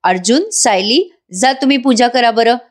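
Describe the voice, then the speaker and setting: Irritable older family head, scolding; a woman reads his lines, voice pitched a bit high. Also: normal speed, natural voice.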